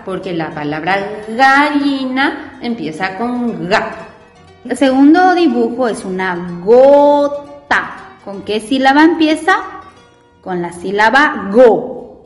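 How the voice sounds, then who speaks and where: A woman teacher walks young children through a spelling lesson, slowly and patiently, her voice rising and falling with lively, sing-song pitch. She sounds fairly high, and the recording sits in a roomy space with a long reverb and faint music underneath. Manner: patient, spells out syllables and asks the class questions.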